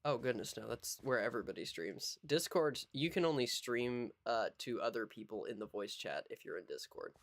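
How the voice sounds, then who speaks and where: A man's voice: mid-range voice, animated, moderate pace, hardly any pauses. A man streaming a game and chatting with friends over voice chat, matter-of-fact with dry quips. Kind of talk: casual gaming chat. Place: online voice chat.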